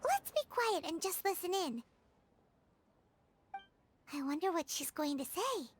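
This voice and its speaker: A woman voicing a tiny, childlike, chirpy sprite companion with a squeaky voice in a video game. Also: big pitch swings, unhurried, full character voice. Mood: curious. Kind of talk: scripted video game voice acting.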